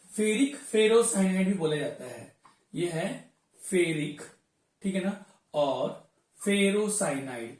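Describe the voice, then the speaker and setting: A classroom teacher walks students through a chemistry lesson, calling them "beta" and stopping often to check they follow. The voice rings through a strongly echoing room. It sits some distance from the microphone. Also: medium pitch. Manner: addresses students as 'beta', often checks understanding. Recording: very echoey room, voice far from mic.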